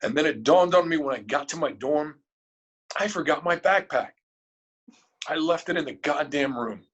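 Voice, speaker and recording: Man, interview guest, casual storytelling, animated, curses a lot, slightly husky voice. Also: a little high, normal speed, highs cut off. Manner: swears freely and casually.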